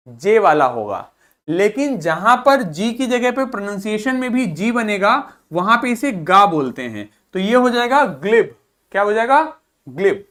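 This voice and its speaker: A male teacher giving a classroom vocabulary lesson, asking the class questions, answering them himself, and repeating each word slowly several times. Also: sits high, a bit bright.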